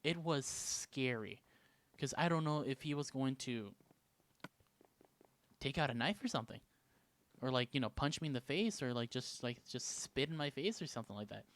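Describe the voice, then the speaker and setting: Animated young Canadian storytelling vlogger. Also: male voice, mid-range voice, moderate pace, long pauses. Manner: animated, swinging between loud and hushed. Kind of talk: casual storytime vlog.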